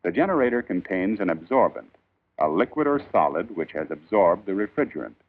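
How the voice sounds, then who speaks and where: A man reading a scripted 1940s instructional film in a formal, measured, emphatic old newsreel narrator style. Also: deep voice, sing-song. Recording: tinny band-limited 1940s film soundtrack.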